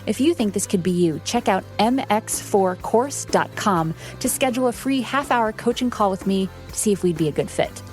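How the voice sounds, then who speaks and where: A woman's voice: medium pitch, lively intonation, normal speed, few pauses. A woman podcast host reading a scripted, upbeat show introduction. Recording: intro with faint music behind.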